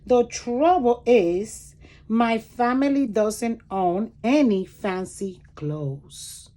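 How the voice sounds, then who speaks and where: A woman reading a picture book aloud to children in an expressive, deliberate way, pausing to explain words and point things out. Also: a little high. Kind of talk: animated children's read-aloud with commentary asides.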